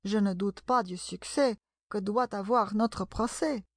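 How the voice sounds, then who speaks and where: A woman's voice: medium pitch, a little slow, dry recording, studio quality. A woman reading aloud and voicing a spiteful male dog in a storybook rhyme. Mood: gloating. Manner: gloating.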